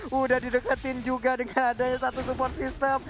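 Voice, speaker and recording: A man's voice: very high-pitched, flat delivery, fairly quick, loud music behind the voice. An Indonesian man giving colloquial live esports commentary as a co-commentator.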